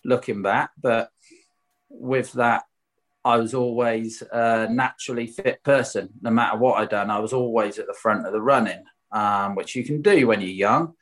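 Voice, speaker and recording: Telling stories as a former footballer in a casual interview, a Swindon man with a Wiltshire accent talks candidly and colloquially, often questioning himself. His mid-range voice moves at normal speed with a fairly bright tone, though the recording is rough.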